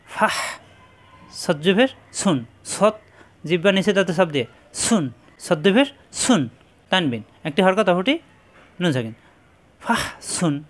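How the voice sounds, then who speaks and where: High-voiced man drilling Arabic letter sounds. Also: fairly bright tone. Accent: Bangladeshi Bengali. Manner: repeats syllables in chant-like drills. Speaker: Quran reading teacher. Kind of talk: slow, drilled pronunciation lesson.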